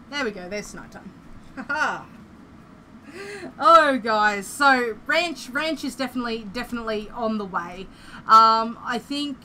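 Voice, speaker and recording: A woman's voice: fairly high pitch, bright, forceful tone, a little hiss or hum, rough recording. A young Australian woman chatting casually and playfully as she streams a building game, rambling through her thoughts.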